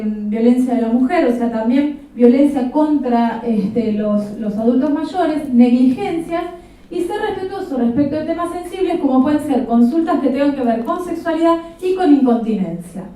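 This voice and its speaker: In a very echoey conference hall, a woman's high, mellow voice carries from a distance. She has an Argentine Rioplatense accent and gives a practical, explanatory lecture to professionals, adding a little humor.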